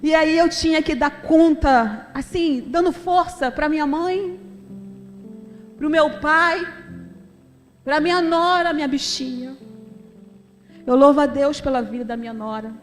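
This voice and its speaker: Brief: middle-aged woman, high voice, heartfelt church testimony, long hall reverb. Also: steady tone, a little slow, long pauses, soft background music. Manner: emotional, conversational, addresses the congregation as brothers. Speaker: deaconess giving a testimony. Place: church sanctuary.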